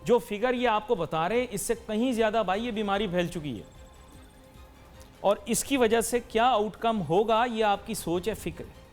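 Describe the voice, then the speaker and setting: A man's voice: high-pitched, normal speed, soft background music. A man hosting a TV talk show, delivering an emphatic, lecturing monologue to viewers and mixing in English phrases. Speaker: TV anchor and talk show host.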